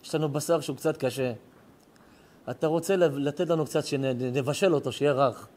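Impassioned rabbi man, higher voice. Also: a little mellow. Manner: storytelling, voice rising and cracking with emotion. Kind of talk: emotional moral sermon. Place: synagogue or home lecture hall.

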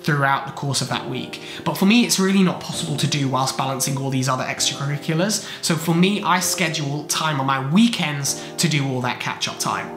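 A medical student vlogger in his twenties talks casually to camera from a home study room about his weekly routine, gesturing a lot and sounding congested from a chest infection. His voice is on the high side, brisk, with hardly any pauses. The room sounds roomy, and background music plays.

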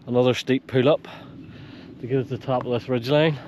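Breathy hiking man on a windy hillside. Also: medium pitch, steady tone, fairly quick, a little mellow, muffled recording. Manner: chatty, hails viewers as legends. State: somewhat out of breath from climbing. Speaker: hiking vlogger. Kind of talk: casual walk-and-talk to camera. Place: outdoors on open hillside. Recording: outdoor wind and ambient noise.

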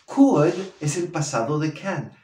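A man teaching a language lesson, slowly modelling the pronunciation of example phrases. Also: fairly high pitch, big pitch swings, mellow. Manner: slow, drawn-out model pronunciation of English phrases. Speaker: English teacher. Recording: echoey room.

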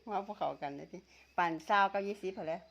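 A woman's voice: mid-range voice, wildly swooping pitch, moderate pace, a bit bright, dull audio. A woman with an Isan accent from northeastern Thailand, chatting casually and teasingly while eating, laughing often. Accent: Isan (northeastern Thai), Tai Yo. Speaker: vlogger.

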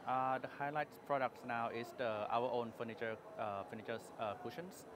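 At an indoor exhibition hall booth, a Thai company executive in his thirties answers interview questions for a trade show, often hesitating with fillers and restarts. He speaks with a Thai accent in a mid-range voice at normal speed, and crowd noise fills the background.

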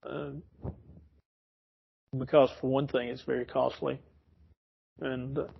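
A man's voice: mid-range voice, little pitch movement, takes it slowly, creaky, slightly rough, muffled recording. A man teaching an informal Bible study in a church, rambling and correcting himself as he explains. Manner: rambling, self-correcting, chuckles often. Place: church classroom.

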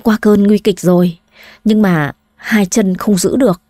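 A woman voicing a grave male doctor in an audio story, delivering bad news in measured tones. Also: mid-range voice, steady tone, mellow, dry recording, natural voice. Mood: somber.

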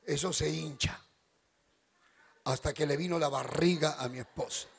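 A middle-aged man, a pastor preaching a joking wedding sermon as an animated storyteller who bursts into shouts. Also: a little high, normal speed, creaky, husky. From Ecuador.

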